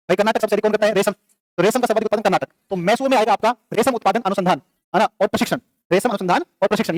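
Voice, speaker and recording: A male teacher lectures his classroom in a high-pitched voice, quizzing students and answering his own questions in quick, repetitive drills. There is no room sound on the recording.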